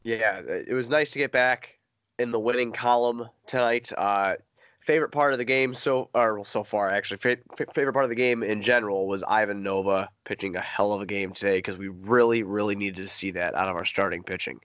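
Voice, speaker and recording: A man hosting a sports podcast, chatting casually and haltingly, often repeating words. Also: fairly low pitch, a bit bright, no echo, lo-fi sound. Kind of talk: casual baseball chat.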